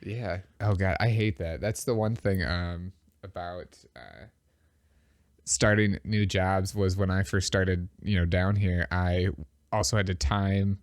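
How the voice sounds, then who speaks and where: This is a man with a low voice that sounds plugged up, as if his nose is fully blocked. He is slightly short of breath and talks in a casual, conversational podcast style. The sound is dry, with little room around it. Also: unhurried, no echo. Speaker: podcast host. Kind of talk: casual chat.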